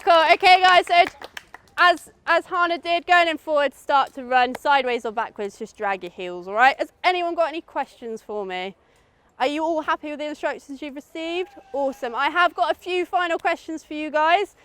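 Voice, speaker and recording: Here the adventure course safety instructor, a woman with a British accent, talks a group through safety informally and instructively, checking often that they understand. She speaks at a moderate pace in a high, slightly bright voice.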